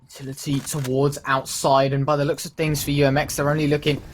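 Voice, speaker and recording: A man's voice: fairly high pitch, completely flat delivery, quick pace. A man doing esports caster play-by-play commentary with dramatic, emphatic phrasing. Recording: background noise, game gunfire and clicks.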